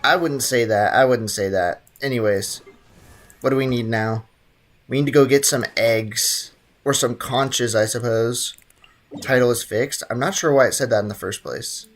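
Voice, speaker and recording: A young man with a medium-pitched voice talks at a moderate pace while streaming a video game. Chatty and casual, he welcomes people in the chat and talks to himself as he plays, with quiet game music in the background.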